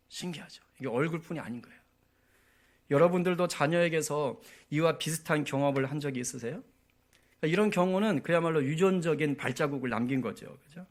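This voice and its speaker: A man preaching a sermon as pastor at a church prayer meeting, telling stories and often checking in with the congregation. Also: medium pitch. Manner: storytelling, often asks the congregation for agreement.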